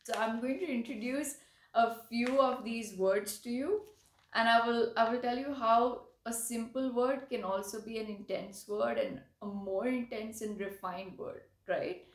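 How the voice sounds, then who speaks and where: Higher-pitched woman teaching vocabulary. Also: steady tone, a little slow, echoey room. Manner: explanatory, checks in with "right?". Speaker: English teacher. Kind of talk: vocabulary lesson.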